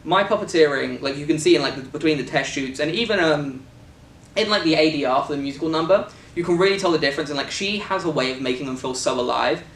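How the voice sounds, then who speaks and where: A British man talks in a loose, rambling way, joking and filling pauses as he goes. His voice sits a little high. He is recorded from some distance in a reverberant room with a faint hiss underneath. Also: a bit bright. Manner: rambling, jokey, many fillers. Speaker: filmmaker and co-host. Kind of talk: casual chat.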